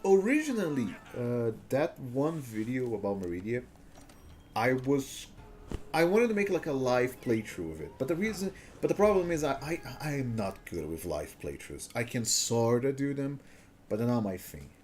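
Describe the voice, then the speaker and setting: A Brazilian streamer whose first language is Portuguese chats casually over gameplay, rambling and chuckling with frequent "uh"s and restarts. His medium-pitched voice is very animated and slightly mellow, at a moderate pace. A little background noise can be heard.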